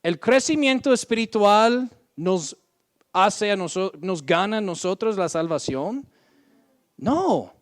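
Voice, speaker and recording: Slow, high-voiced preacher man. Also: lively intonation. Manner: slow, deliberate delivery with frequent "¿ok?" check-ins; reads scripture aloud, drawing out quoted verses. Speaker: pastor. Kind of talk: sermon.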